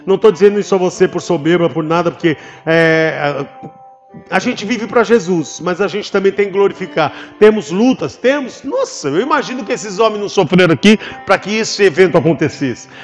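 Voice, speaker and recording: High-voiced Brazilian pastor telling his testimony. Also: lively intonation, a little fast, muffled recording. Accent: Brazilian Portuguese. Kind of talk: testimony in a church. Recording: long hall reverb with faint music behind.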